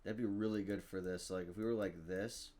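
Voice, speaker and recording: A man's voice: low-pitched, steady tone, brisk, dark tone. A man casually commentating his own card game, thinking aloud, reading item text and groaning at bad luck. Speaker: gaming streamer.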